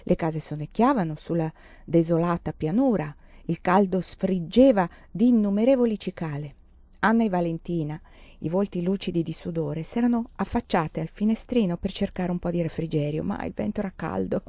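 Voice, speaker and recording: A woman reading a novel aloud in a measured, expressive narration, close to the mic. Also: on the low side, no room sound, muffled recording. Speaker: audiobook reader.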